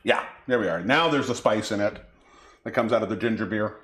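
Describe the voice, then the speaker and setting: A man's voice: fairly low pitch, fairly quick, fairly bright tone, echoey room. A man co-hosting a cooking and drinks show, chatting casually as he mixes a cocktail, often trailing off and correcting himself. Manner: rambling, self-correcting, chatty. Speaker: co-host mixing cocktails. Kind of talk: casual chat.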